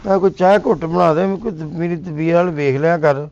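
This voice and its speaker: Whiny punjabi guy moaning about being ill, high voice, kinda dull lo-fi audio. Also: fairly even intonation, fast talker, darkish tone. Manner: whiny, complaining he is sick. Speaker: comic actor as a lazy husband. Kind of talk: Punjabi comedy sketch acting. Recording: dull lo-fi sound.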